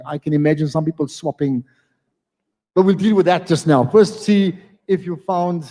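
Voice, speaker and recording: A man hosting a live book launch event, chatty and lively, often restarting his sentences. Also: a little high. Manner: chatty, lively, self-interrupting. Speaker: event host. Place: community hall. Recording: reverberant hall.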